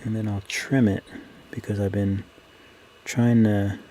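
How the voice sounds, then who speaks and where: A live streamer and digital artist mutters to himself close to the mic in trailing fragments, casually talking through his work. His voice is lowish and dark, with little pitch movement and an unhurried pace, over clear background noise.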